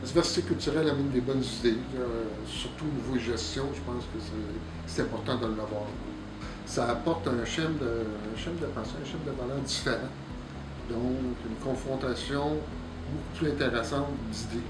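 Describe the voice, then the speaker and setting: A man in his sixties with a Québécois accent, answering interview questions in a relaxed, offhand way. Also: mid-range voice, normal speed. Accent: Québécois French. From Canada. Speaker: employee interviewee. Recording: roomy, distant mic, background noise.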